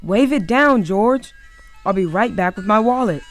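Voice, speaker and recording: A woman's voice: medium pitch, expressive, a little slow, music in the background, natural voice. A woman voicing a kindly, upbeat man who looks after his young charge in a children's storybook, speaking in a reassuring, encouraging way. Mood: upbeat urging. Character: man with the yellow hat, kindly upbeat adult caretaker. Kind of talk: children's storybook read-aloud.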